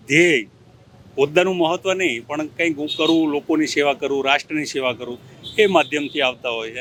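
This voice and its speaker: A middle-aged man answering interview questions as a district party president, earnest, formal and measured. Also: on the high side, fairly bright tone.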